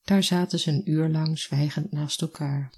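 Storyteller, literary reading, calm and measured, husky breathy voice, mid pitch. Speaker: narrator. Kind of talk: scripted narration of a literary story.

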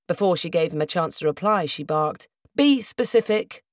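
A woman narrating a story in a measured, even manner. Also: sits low, no room sound, clean studio sound. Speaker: audiobook narrator. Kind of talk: scripted narration.

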